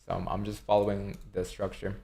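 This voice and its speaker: This livestreaming day trader is in his twenties, laid-back as he answers chat questions in casual conversation and swears occasionally. He speaks fairly quickly in a lowish, creaky, mellow voice with a completely flat delivery.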